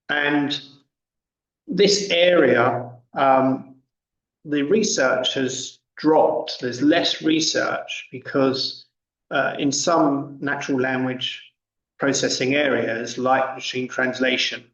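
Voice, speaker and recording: Male academic presenter, unhurried delivery with long pauses, echoey and muffled online call sound. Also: mid-range voice, a bit bright. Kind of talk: conference presentation. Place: indoors, online video conference call. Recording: roomy, distant, dull online call audio.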